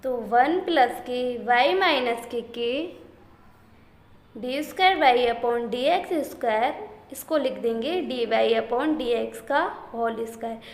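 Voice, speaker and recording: A woman teaching math step by step, often asking the class a question and checking they follow. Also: a little high. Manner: slow, step-by-step, repeated questions and "theek hai" checks. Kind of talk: blackboard math lesson in Hindi-English mix. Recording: echoey room with faint ambient noise.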